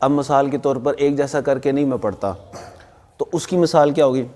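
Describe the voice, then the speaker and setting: A man's voice: mid-range voice, steady tone, warm tone. A man teaching a Quran recitation class to students, firm and emphatic, often putting questions to the class. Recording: long hall reverb.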